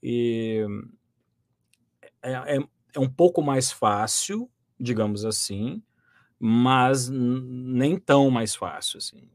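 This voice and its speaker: A Brazilian man who works as a voice actor and dubbing director talks through his craft in a conversational interview. He explains in a lively way, full of restarts and fillers. His voice sits at an ordinary male pitch, recorded close and dry with little room sound. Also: dry recording.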